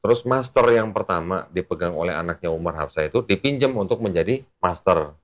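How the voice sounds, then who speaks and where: Low-voiced male teacher type; patient, casual, explains with homely examples. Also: expressive, brisk. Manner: patient, uses everyday examples, laughs often. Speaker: Islamic teacher explaining to a guest.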